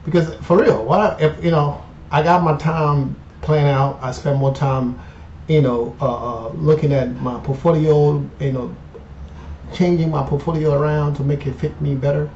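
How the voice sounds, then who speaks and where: A man's voice: a little high, steady tone, normal speed, darkish tone. A man in his fifties hosting a casual portfolio update, talking in a chatty way and often tagging on "okay" and "you know". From Colombia. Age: 50s. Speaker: investing channel host. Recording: echoey room, dull lo-fi sound, faint noise.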